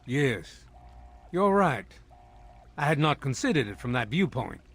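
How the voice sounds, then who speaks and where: A man playing a stern, proud military villain officer in a video game, speaking in a formal, deliberate, haughty way. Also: medium pitch, big pitch swings, a bit bright, husky, faint music behind, full character voice. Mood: wary, reconsidering. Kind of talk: dramatic video game dialogue.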